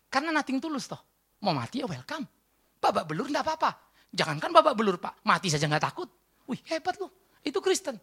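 A woman with a mid-range voice preaches a church sermon, firing rhetorical questions at the congregation. She breaks into emphatic exclamations and swings between loud and hushed delivery.

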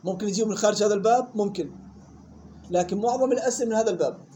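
A man teaching Quran recitation rules to students in a room. He reads the rule text slowly and then explains it in quick colloquial talk. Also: sits high, mellow, a little hiss or hum. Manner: drills syllables slowly and questions students. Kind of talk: classroom lesson explaining a text.

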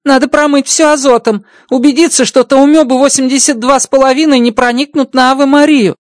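A man voicing an excitable male spider-like alien engineer in an audiobook, speaking in broken grammar. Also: extremely high pitch, a little fast, no room sound, studio quality, voice pushed up. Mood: eager. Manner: broken grammar, tags questions with a spoken word. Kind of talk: audiobook character voice.

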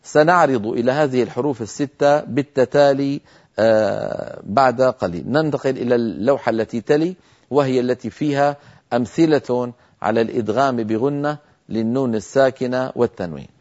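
A man teaching recitation in a televised lesson, calmly explaining each rule and then demonstrating it slowly, with long, drawn-out nasal sounds. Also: medium pitch. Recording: muffled broadcast audio.

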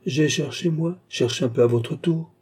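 A man reading aloud voices a phlegmatic, gluttonous nobleman who answers in unhurried, flat replies. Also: fairly high pitch, husky, pitched above the performer's own voice.

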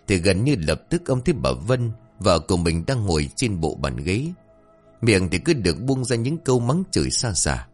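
A man narrating a scripted horror story, giving each character's lines lively voice acting. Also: on the low side.

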